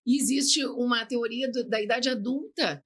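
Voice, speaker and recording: Husky-voiced woman psychologist, chatty. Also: on the high side, normal speed, fairly bright tone. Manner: chatty, explains with frequent "né" and "entende". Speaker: psychologist guest. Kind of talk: casual podcast interview.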